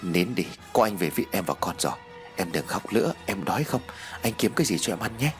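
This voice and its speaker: A man voicing a worried young husband who speaks softly and soothingly to his child and wife. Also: lowish voice, lively intonation, fairly quick, faint music behind. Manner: soft and soothing. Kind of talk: audiobook character voice.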